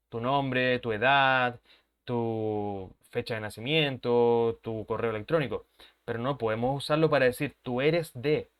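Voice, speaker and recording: A man teaches an English class. He has a mid-range voice and explains patiently. He keeps checking that his students follow along. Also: medium pitch. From Chile. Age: 30s. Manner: patient, repeats points and keeps checking understanding. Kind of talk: language lesson explanation.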